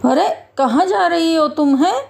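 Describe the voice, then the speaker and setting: A woman's voice: extremely high pitch, measured pace, vocal fry, a little mellow, pitched above the performer's own voice, full character voice. A woman voicing a fatherly male security guard. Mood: scolding. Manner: bantering, fatherly. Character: gruff middle-aged male security guard, teasing then remorseful. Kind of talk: storytelling voice acting.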